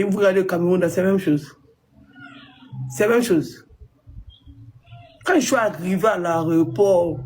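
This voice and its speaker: A woman on a phone live stream, scolding her critics with indignant rhetorical questions and sudden high exclamations. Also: darkish tone, slight background noise. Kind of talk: social media livestream rant.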